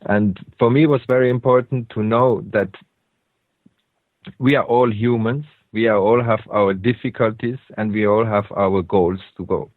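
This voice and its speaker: A man with a lower voice and a Swiss German accent, from Switzerland, hosts a radio show in English, his second language, in a loose, unscripted monologue. His tone stays steady, but he often stops to search for words and makes non-native grammar slips. The line sounds dry, tinny, and phone-like, with no echo.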